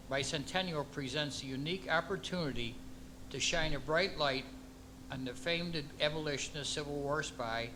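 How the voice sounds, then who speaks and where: A man serving as mayor, reading a formal proclamation and then speaking off the cuff with halting, repeated words. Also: a little high, background noise.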